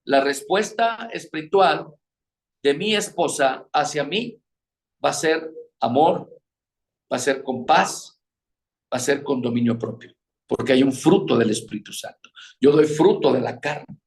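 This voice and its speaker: A man preaches about marriage, with a somewhat high voice. He keeps asking his listeners questions. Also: expressive, a little slow. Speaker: pastor teaching on marriage. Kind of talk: sermon.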